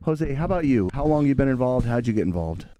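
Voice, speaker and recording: A man's voice: medium pitch, animated, fast, warm tone, no room sound. A man hosting an interview, asking questions in a friendly way and often agreeing with his guests. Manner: friendly, affirming, asks questions. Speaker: host.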